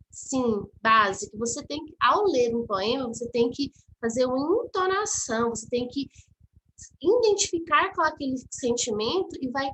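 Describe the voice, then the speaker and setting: Brazilian lady teacher, patient, walks the kids through it, kinda high voice, little bit of hiss. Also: fairly bright tone, rough recording. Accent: Brazilian Portuguese. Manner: patient, explaining step by step to children. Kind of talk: online class lesson.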